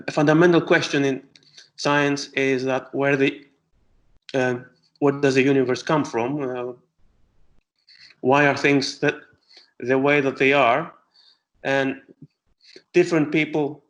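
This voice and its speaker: Slow, hesitant man from Greece. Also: medium pitch, rough recording. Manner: hesitant, many fillers and restarts. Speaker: astronomer. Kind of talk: interview answers.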